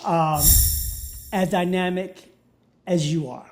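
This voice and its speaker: A woman hosting a casual interview, speaking haltingly and often repeating words as she goes. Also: fairly low pitch, fairly even intonation, a little mellow, a little hiss or hum. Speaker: interview host. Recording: echoey room sound.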